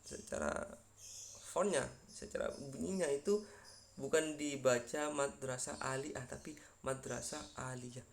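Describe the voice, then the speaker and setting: A male lecturer with a gravelly, creaky edge on a bright, forceful tone. He explains step by step, pausing on fillers and repeating words as he works through each point. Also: medium pitch, a little hiss or hum. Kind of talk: university lecture.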